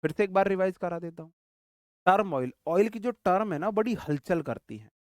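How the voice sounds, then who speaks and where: A man with a fairly high voice teaches vocabulary in a classroom lecture, recorded close and dry with no echo or room sound. Animated throughout, he repeats key words, fires off quick questions, jokes his way through memory tricks, and keeps calling the class "brother."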